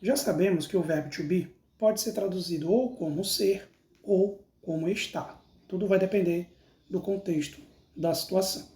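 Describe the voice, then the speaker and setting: An English teacher with a Brazilian Portuguese accent gives a slow recorded lesson, reading each example aloud and then its translation. Her voice is warm, medium-pitched and at a normal speed, and the room sounds echoey and spacious.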